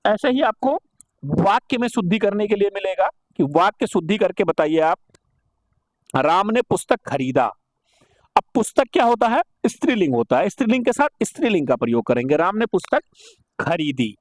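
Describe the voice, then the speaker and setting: A man's voice: sits high, sing-song, moderate pace, no room sound, clean studio sound. A man teaching an exam-prep Hindi grammar lesson. He asks rhetorical questions, answers them himself, and repeats each correct form for emphasis.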